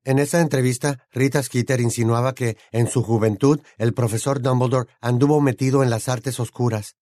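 A man's voice: mid-range voice, fairly even intonation, moderate pace, mellow, no room sound, clean studio sound, natural voice. A man voicing a polite, earnest teenage boy wizard in an audiobook, asking direct questions. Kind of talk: audiobook character voice.

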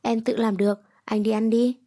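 A woman's voice: on the high side, level tone, moderate pace, dark tone, natural voice. A woman voicing a stubborn, sickly young woman in a read-aloud romance story, with snappish, sulky replies. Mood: plain.

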